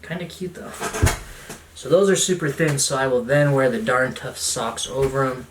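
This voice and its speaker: A man's voice: mid-range voice, moderate pace. A young man vlogging casually at home, chatty and self-mocking, with jokey asides as he unpacks gear. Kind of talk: casual unboxing vlog. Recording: roomy, distant camera mic, noisy.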